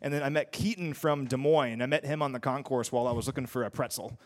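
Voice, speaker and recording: A young man co-hosting a casual sports radio chat, upbeat and quick to laugh while recapping. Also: mid-range voice. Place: studio with live audience.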